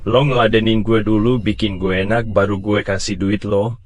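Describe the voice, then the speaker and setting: A man's voice: fairly low pitch, steady tone, normal speed, a little hiss or hum, close to an everyday voice. An actor playing an arrogant, crude site foreman who bullies a worker and sneers at her. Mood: sneering. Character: arrogant lecherous male foreman bully turned groveling. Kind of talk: short drama acting.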